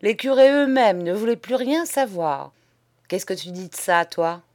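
A woman's voice: mid-range voice, animated, a little slow, a little mellow, natural voice. A woman voicing a cynical, spoiled young Parisian man with a drawling Paris accent, mocking and gleeful, in an audiobook. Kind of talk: audiobook character voice.

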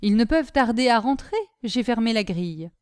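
Woman reader playing a naive, earnest young male servant: higher, mellow, rambling, eager to please. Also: expressive, fairly quick, smooth, dry recording, studio quality, natural voice.

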